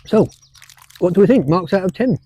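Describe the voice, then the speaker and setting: A man's voice: sits high, lively intonation, moderate pace, dark tone, slightly rough. A man co-hosting a casual chat podcast, teasing and playful. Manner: playful, teasing, chuckles often. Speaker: podcast co-host.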